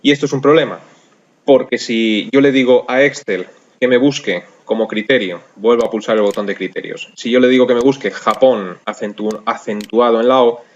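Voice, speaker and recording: A software instructor with a Spanish accent from Spain patiently explains a spreadsheet program step by step in a screencast tutorial, using frequent fillers. His voice is medium-pitched at normal speed, and the audio is dull.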